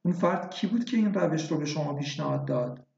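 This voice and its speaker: A man reading a story voices a doctor who asks measured, probing questions. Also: a little high, creaky, a little mellow. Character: calm questioning male doctor. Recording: echoey, dull lo-fi recording.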